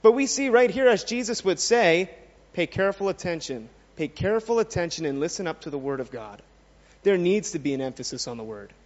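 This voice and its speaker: A man with a high voice preaches a sermon in an earnest way, often putting questions to his listeners. His voice rings with a long reverb, as in a large hall. The sound is muffled and dull. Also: expressive, a little fast.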